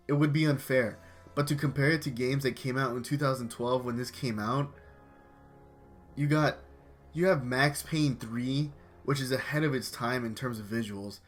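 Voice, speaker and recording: A young man narrates a scripted video game review. He talks in a dry, dismissive way about what he dislikes. His voice sits at an ordinary middle pitch.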